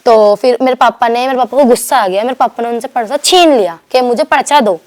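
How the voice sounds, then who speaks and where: A young woman from Delhi, telling her story to an interviewer in a rambling, animated way, acting out what others said and restarting her sentences. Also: a little high, brisk. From Delhi, India. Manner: rambling, animated retelling with quoted dialogue and restarts. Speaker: guest.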